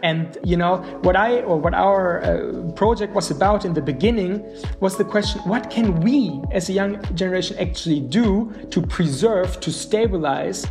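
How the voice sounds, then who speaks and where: A man's voice: sits high, normal speed, music in the background. A man, talking thoughtfully in English as an interview guest, with hesitations and fillers. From Germany. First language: German. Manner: thoughtful, with hesitations and "you know". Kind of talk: casual conversation.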